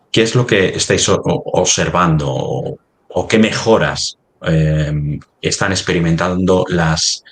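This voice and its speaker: A low-pitched man with a Spanish accent from Spain presents in a semi-formal webinar discussion, searching haltingly for his words.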